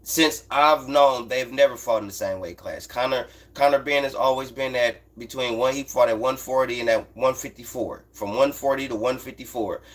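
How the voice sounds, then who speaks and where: An American man hosts a boxing talk livestream, riffing on sports off the cuff and answering chat. His medium-pitched voice moves at a normal clip with barely a pause, full of blunt, profane slang, and he repeats phrases to hammer his points home.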